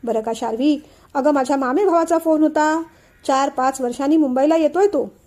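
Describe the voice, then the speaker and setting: A woman's voice: sits high, normal speed, dark tone, natural voice. A woman voicing a cheerful older father who insists on inviting guests, read in a storybook telling. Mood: hearty. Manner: hearty, insistent host.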